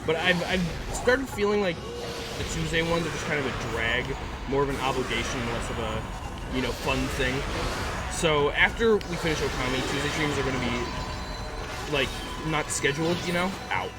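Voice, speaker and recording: A man's voice: a little high, expressive, moderate pace, heavy background noise. A man streaming a video game, rambling casually and answering his chat, with game music behind him. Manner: rambling, chatty, talks back to chat. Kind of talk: casual let's-play chat.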